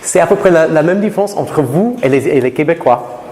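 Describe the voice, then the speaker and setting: High-voiced lecturer in a reverberant hall. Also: male voice. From Florida. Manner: lively, switches to slow deliberate English for learners. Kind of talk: classroom talk to students. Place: lecture room. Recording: reverberant hall with faint noise.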